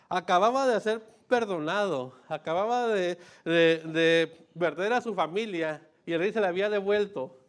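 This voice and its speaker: A man preaching a sermon, emphatic, repeating his key phrases and swinging between loud and hushed. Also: high voice. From Mexico.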